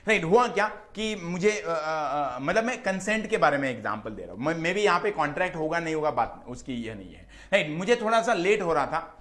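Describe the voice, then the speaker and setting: A male lecturer with an Indian accent teaches law in a chatty, conversational way. His voice sits a little higher than usual for a man. He keeps checking with his class and slips English terms into his explanations. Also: big pitch swings, a little fast, hardly any pauses, a bit bright. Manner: mixes English terms into Hindi speech.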